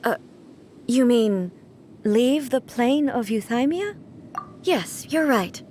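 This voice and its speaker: Dignified, high-voiced goddess ruler. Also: female voice, expressive, noisy background. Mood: calm, resolved. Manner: formal, measured, slightly defensive. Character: dignified, aloof female ruling deity, sheltered and unhurried. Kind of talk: video game voice acting.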